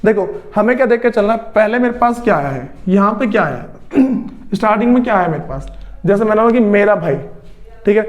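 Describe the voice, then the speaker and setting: A man with a high voice teaches English grammar to his students. He talks slowly, repeats each rule, and keeps clearing his throat between the steps. His first language is Hindi. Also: expressive. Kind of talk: spoken grammar lesson.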